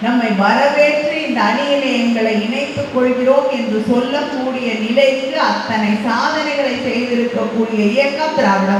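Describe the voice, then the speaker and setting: A woman giving a formal political speech to party workers, declamatory and deliberate, building points through repetition. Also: high-pitched. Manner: deliberate, declamatory, with long pauses and repeated rhetorical build-ups. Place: large meeting hall, from a stage. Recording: echoey hall PA, distant, faint hiss.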